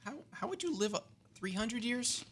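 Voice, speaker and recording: A man co-hosting a podcast in easygoing casual chat, agreeable and quick to laugh along. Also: very high-pitched, big pitch swings, fairly bright tone, slight background noise. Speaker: podcast co-host.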